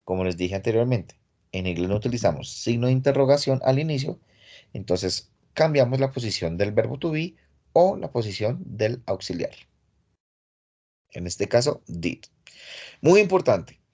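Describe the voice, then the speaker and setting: A man's voice: medium pitch, animated, moderate pace, a little mellow. A man teaching English grammar in an online class, explaining step by step in a patient, casual way over a computer mic. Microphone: computer mic on a video call.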